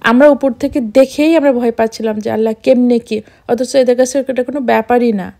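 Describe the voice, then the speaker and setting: A woman's voice: a little high, steady tone, fast talker, warm tone. A woman from Bangladesh, a travel vlogger, narrating a voice-over in a reflective, explanatory way.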